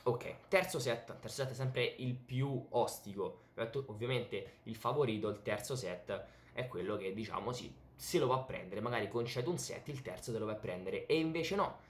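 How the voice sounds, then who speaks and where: A young man with an Italian accent giving an excited, emphatic, casual sports recap to camera in a home room. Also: mid-range voice, normal speed, few pauses, a little hiss or hum. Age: young adult. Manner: excited, animated, emphatic with repeated words. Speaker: YouTube tennis commentator and host. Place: small home bedroom, indoors. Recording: roomy, echoey home room.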